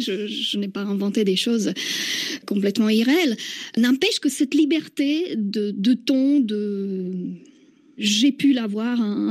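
Interviewed on the radio, a Slovak novelist replies in French, which she speaks as a second language with a Slovak accent. Her voice sits on the high side, and she answers thoughtfully, with many restarts and soft laughs.

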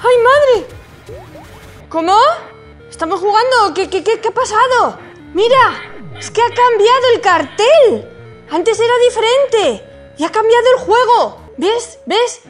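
A woman with a Spain Spanish accent giving excited, exclamatory commentary as she plays a video game. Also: extremely high pitch, measured pace, soft background music. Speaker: gaming streamer.

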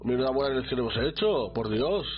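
A man with a Spain Spanish accent giving excitable live commentary on his gameplay, talking to his chat. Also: medium pitch, brisk, muffled recording, over music. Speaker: streamer.

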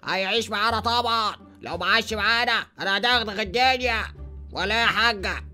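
A man's voice: high voice, a little fast, soft background music. A man playing a bossy, threatening fire Sonic father with an Egyptian accent. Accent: Egyptian Arabic. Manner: bossy, blustering, bright-toned.

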